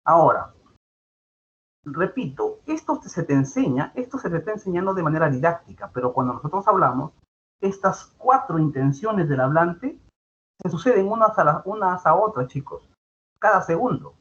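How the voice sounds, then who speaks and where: A man's voice: a little high, animated, normal speed, fairly bright tone. A male teacher giving an online grammar lesson, explaining patiently and repeating his points with tag questions. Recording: dull lo-fi sound with faint background noise.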